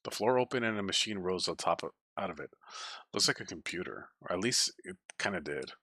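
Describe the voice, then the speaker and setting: Man streaming and reading a visual novel aloud, low voice, bright tone, casual and swearing, faint game music. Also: animated, fairly quick, no room sound. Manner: casual, swears, reacts to the chat.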